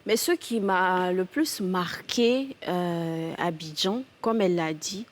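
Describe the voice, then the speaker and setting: A woman from Niger in her thirties with a Nigerien French accent, chatting as a guest on a talk show and telling her story in a relaxed way. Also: on the low side, takes it slowly. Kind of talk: casual talk-show chat.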